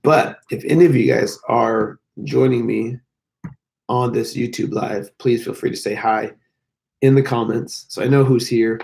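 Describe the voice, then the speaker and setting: An American man chatting casually on a livestream in a hotel room, his voice hoarse, strained, breaking and mostly lost from sickness. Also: mid-range voice, steady tone, unhurried, a little mellow. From United States. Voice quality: hoarse, gravelly. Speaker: fitness YouTuber hosting a livestream.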